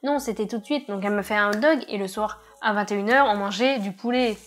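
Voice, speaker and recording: A woman's voice: mid-range voice, fast talker, soft background music. A young woman from France telling travel stories to camera in a casual, chatty way, with frequent hesitations and wry asides. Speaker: vlogger.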